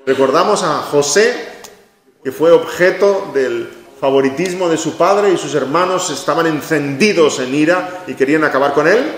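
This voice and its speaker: A man preaching a sermon in a church hall, emphatic, repeating his key phrases and acting out short quotes. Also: a little high. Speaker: pastor. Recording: echoey hall with long reverb.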